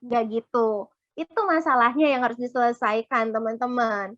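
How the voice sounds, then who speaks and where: High-voiced young woman giving a chatty sermon. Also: moderate pace, fairly bright tone, dry recording, dull audio. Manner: chatty, keeps addressing listeners as friends, acts out little quoted dialogues. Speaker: speaker at a community worship service. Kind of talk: casual youth sermon.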